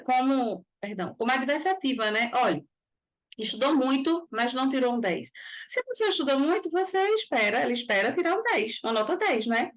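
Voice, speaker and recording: A woman with a Brazilian Portuguese accent teaches an exam-prep grammar lesson, her voice sitting a little high. She explains each point step by step and keeps checking in with quick tag questions to the class.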